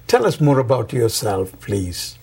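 A man hosting a religious radio program, reading a scripted opening and then interviewing guests in a measured, formal way. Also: mid-range voice, sing-song, vocal fry, darkish tone, breathy edge.

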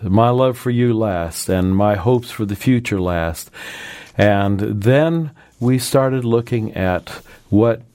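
A man hosting a religious radio program, telling a story in a gentle, measured way and then talking with a guest. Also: medium pitch, no echo, clean studio sound. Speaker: radio Bible program host.

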